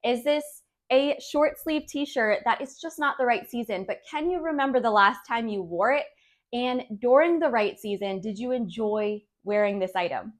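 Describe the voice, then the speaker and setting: A woman's voice: fairly high pitch, normal speed. A woman in her thirties hosting a decluttering vlog, talking in a friendly, encouraging way with light laughs. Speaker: decluttering channel host. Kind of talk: casual instructional vlog talk.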